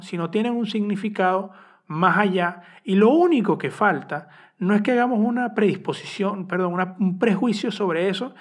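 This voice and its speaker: A man in his thirties with a Venezuelan accent delivers a personal podcast monologue. His voice sits high for a man, and he speaks candidly and earnestly, addressing the audience directly. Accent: Venezuelan Spanish. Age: 30s. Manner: candid, earnest, talks straight to listeners. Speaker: podcast host.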